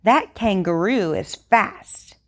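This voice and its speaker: Slow, over-enunciating woman teacher. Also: medium pitch, lively intonation. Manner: over-enunciated, deliberate articulation; encouraging. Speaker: speech articulation teacher. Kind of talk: instructional drill, reading practice sentences for repetition.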